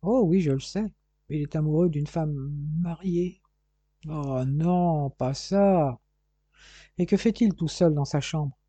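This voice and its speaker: A man's voice: a little high, takes it slowly, dark tone, dry recording, highs cut off. A man voicing a blunt, practical young brother who scolds and worries. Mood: worried.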